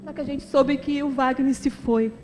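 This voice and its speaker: A woman's voice: high voice, steady tone, normal speed, a little mellow, big-room sound, faint music behind. A middle-aged woman giving an emotional, conversational church testimony to the congregation. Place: church sanctuary.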